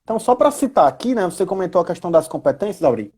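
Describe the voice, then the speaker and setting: Racing along with big pitch swings, this man has a high-sitting, slightly mellow voice with a breathy edge. An educator and live chat guest with a Ceará accent from Brazil's Northeast, he explains conversationally and often uses tag questions to check in.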